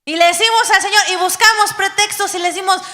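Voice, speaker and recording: A woman pastor preaching a sermon, animated and acting out the voices of believers. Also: extremely high pitch, quick pace. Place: church hall. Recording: live church stream with long hall reverb.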